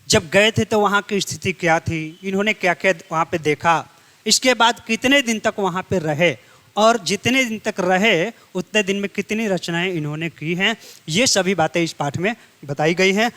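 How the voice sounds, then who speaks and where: A male teacher takes students through a textbook chapter in an exam-prep lesson. He explains step by step and comes back to key points to make sure they stick. His voice sits high for a man, with a long reverb trailing behind it. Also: pushed and bright. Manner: explains step by step, repeats phrases.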